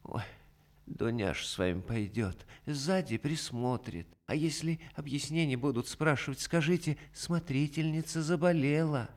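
A man's voice: fairly high pitch, measured pace, voice pushed up, lightly acted. A man voicing an ailing woman caretaker in an audiobook, speaking weakly and plaintively. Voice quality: weak, moaning. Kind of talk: audiobook character reading.

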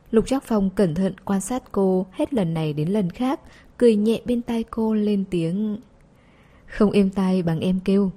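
A woman narrating a romance audiobook in a steady, even storytelling manner. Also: mid-range voice.

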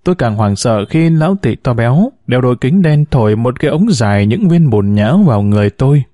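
A man reads a novel aloud with a mellow, softly rounded voice. His pitch rises and falls freely as he tells the story. The recording is dry and close, with no room sound. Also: dry recording. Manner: measured, expressive storytelling. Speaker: audiobook narrator. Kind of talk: scripted narration of a novel.

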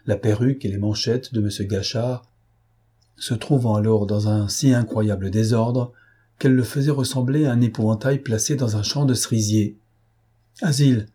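A man narrating a novel as an audiobook reader, measured and even. His voice sits low with a dark, mellow tone and a slight husk. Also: slightly rough. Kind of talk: scripted literary narration.

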